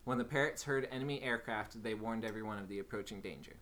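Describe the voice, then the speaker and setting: A man co-hosting a casual podcast, reading out trivia facts in a measured, deliberate way. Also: lowish voice, a bit bright, slight background noise. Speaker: podcast co-host.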